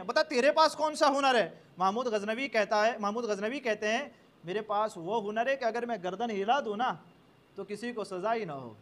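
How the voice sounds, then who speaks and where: A man's voice: extremely high pitch, fairly bright tone. A male preacher telling a story in a sermon, animatedly speaking the characters' lines in turn.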